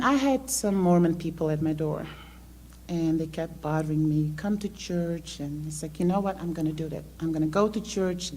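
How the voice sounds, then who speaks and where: In a low, warm voice, a middle-aged woman testifies as a member of her church, hesitating often with ums. She was born in South America but raised in the Netherlands. The recording is low quality, with a faint hum behind her.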